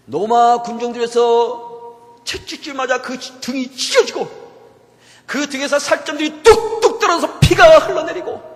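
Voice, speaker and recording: A middle-aged male pastor preaching a sermon in a church, telling a personal story with impassioned feeling. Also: very high voice. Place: church sanctuary. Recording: long church reverb.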